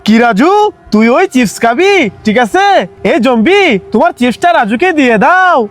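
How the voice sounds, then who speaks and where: A prankish cartoon big brother, as a man acts him out talks in a very high, squeaky voice that leaps up and down. He is loud, bossy and teasing. His delivery stays playful and cartoonish. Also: lively intonation, normal speed.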